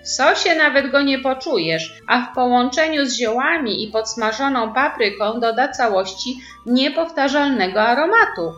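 A woman's voice: on the high side, lively intonation, unhurried, a bit bright, pitched above the performer's own voice. Woman reading as a patient, flustered dad. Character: busy, patient father, mildly flustered. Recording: roomy, slightly dull, faint music.

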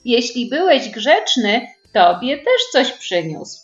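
A woman voicing a lively little girl who guards her presents, exclaiming shrilly in a storybook reading. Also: a little high, slow pace, voice pushed up, exaggerated voice. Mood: explaining. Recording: roomy, dull lo-fi recording.

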